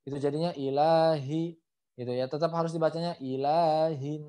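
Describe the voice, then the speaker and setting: A man teaching Quran recitation in an online class. He is patient, repeats his points, ends phrases with "ya" and models the sounds before slowly chanting the verses. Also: on the high side, steady tone, warm tone, clear, resonant tone. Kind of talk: online tajwid lesson. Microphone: video call.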